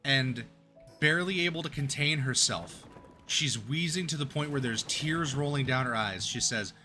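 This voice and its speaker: A man's voice: medium pitch, normal speed, pushed and bright, soft background music. A young man streaming a game, chatting casually and telling a long joke in a rambling way with restarts and chuckles.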